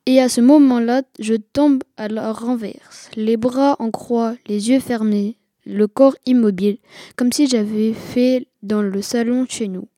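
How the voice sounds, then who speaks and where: A woman narrating a first-person storybook in a steady reading voice. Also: a little high, unhurried, no room sound, studio quality.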